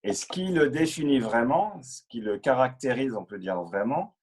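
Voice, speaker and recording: Man, interpreter, patient, halting, husky voice. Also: medium pitch, expressive. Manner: patient, halting, many fillers and repetitions. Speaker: interpreter and Dharma teacher. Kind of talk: explaining a prayer.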